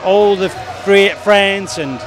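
Guy interviewing people at a noisy bar party, fairly high voice. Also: slow pace. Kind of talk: casual on-location interview. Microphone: handheld shotgun microphone. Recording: busy bar crowd noise behind.

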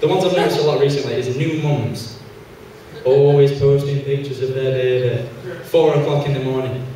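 Young stand-up, echoey hall. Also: male voice, mid-range voice, moderate pace, recorded from a distance, slight background noise. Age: young adult. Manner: animated, acts out quoted characters. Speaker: stand-up comedian. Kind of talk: stand-up routine. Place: small theatre stage. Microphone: handheld mic, far camera.

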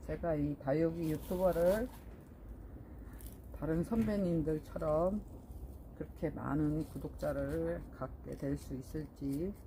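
Her voice sits low, mellow and unhurried as this middle-aged woman chats to viewers about her succulents while planting in a greenhouse. The recording is rough, with a little hiss or hum.

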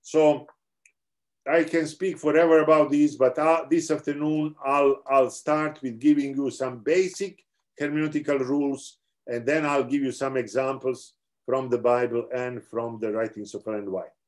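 In an online theology seminar held over video call, a middle-aged man with a Serbian accent lectures in an earnest, explanatory manner. His mid-range voice has fairly even intonation and a moderate pace, and he often starts his sentences over.

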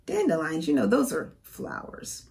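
A woman in her forties reading a storybook aloud to young children as a teacher, expressive and careful. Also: mid-range voice, moderate pace, vocal fry. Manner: expressive, careful, asks the listener questions.

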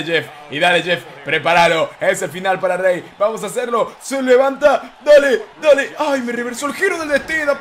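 A young man giving excitable let's-play commentary, shouting play-by-play calls. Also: high-pitched. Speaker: gaming YouTuber.

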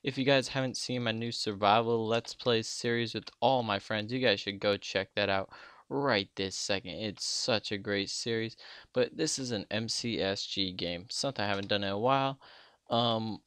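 A man's voice: fairly low pitch, moderate pace, a bit bright, clear, resonant tone, no echo. Rambling young man commenting on a game. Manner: rambling, joking, lots of fillers. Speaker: gaming YouTuber. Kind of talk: casual gameplay commentary.

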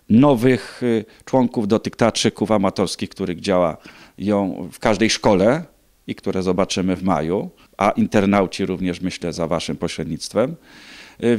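Low-voiced, hesitant middle-aged man. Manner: hesitant, measured, pausing often. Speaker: contest organiser being interviewed. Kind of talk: spoken interview answers. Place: indoors, small room. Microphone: handheld reporter microphone.

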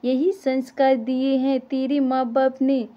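A woman voicing a quick-tempered older mother who scolds and taunts. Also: high voice, little pitch movement, highs cut off. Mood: scolding.

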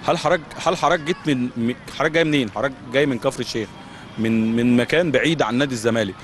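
A middle-aged man with an Egyptian accent talks at a rapid clip, pressing his point with heated rhetorical questions. He speaks into a handheld mic at an outdoor football pitch at night. A faint hum of the surroundings sits behind him. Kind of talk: studio-style interview answers.

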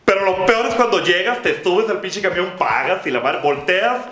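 Mexican guy doing a crude comedy rant, kinda high voice, echoey room. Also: normal speed, bright, forceful tone, soft background music. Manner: crude, profane, exaggerated storytelling. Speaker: comedy YouTuber. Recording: roomy echo.

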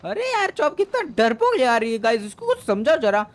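A woman's voice: high-pitched, sing-song, normal speed. A woman voicing a cheeky, carefree five-year-old boy in a game role-play. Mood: teasing.

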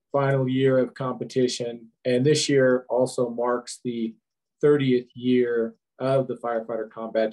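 A man's voice: medium pitch, a little mellow, rough recording. A man on the board giving casual remarks at a meeting, with some fillers. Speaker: board director.

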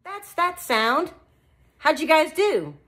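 A woman teaching children beatboxing in an animated, encouraging way, full of praise. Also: sits high, slow pace, slight background noise. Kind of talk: children's tutorial.

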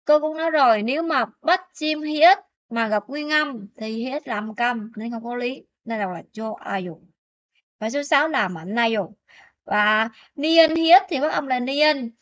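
Female teacher, slightly high voice, dry close sound, walks students through pronunciation with frequent check-ins. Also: no echo, muffled recording. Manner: keeps checking in with students with quick questions. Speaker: Korean language teacher. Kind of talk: explaining pronunciation rules in a lesson.

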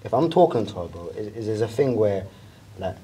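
A man's voice: lowish voice, expressive, fairly quick, a crowd in the background. A man in his twenties with a London roadman accent, bantering casually in slang in a teasing, provocative, repetitive way. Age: 20s. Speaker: prankster. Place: large indoor lecture theatre. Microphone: far camera. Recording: noisy, distant microphone in room.

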